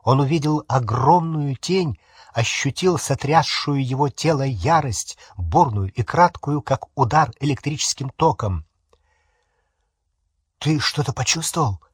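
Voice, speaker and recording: A man reading a novel aloud as an audiobook narrator, in steady scripted storytelling. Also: medium pitch, measured pace, slightly rough, no echo, studio quality.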